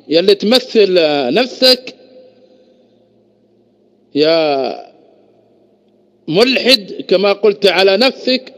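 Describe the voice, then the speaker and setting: High, bright-voiced combative man. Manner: combative, taunting, repeats his challenges. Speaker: debater in an online voice chat room. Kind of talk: heated religious debate.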